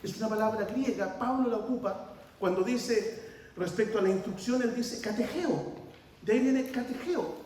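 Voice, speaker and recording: Guest pastor in a church, this man preaches emphatically, repeating key words and asking rhetorical questions. His voice sits high with a darkish tone at a moderate pace, picked up by a distant mic in a roomy church hall with a little hiss or hum.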